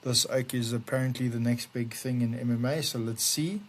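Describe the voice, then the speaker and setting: A man with a middle-pitched voice hosts a podcast segment in casual chat. He sounds relaxed and easygoing as he reads out the news. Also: moderate pace, a little hiss or hum. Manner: laid-back, reads out news items. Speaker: podcast co-host.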